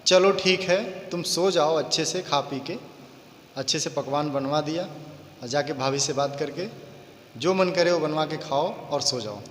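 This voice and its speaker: A clever young elder brother , as a male storyteller puts him on, answers calmly and confidently. The voice sits fairly high for a man. A roomy hall reverb trails every phrase. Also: unhurried, a little hiss or hum.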